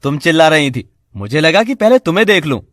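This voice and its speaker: A performer voicing a cruel, callous father in a storybook drama, in a lowered, gloating voice. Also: sing-song, fairly quick, a bit bright, no room sound, studio quality.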